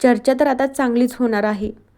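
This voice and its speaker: A woman's voice: on the high side, fairly even intonation, moderate pace, dark tone, close to an everyday voice. Woman reading a smug scheming man. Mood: gloating. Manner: gloating and sly. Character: smug scheming man boasting of his plot.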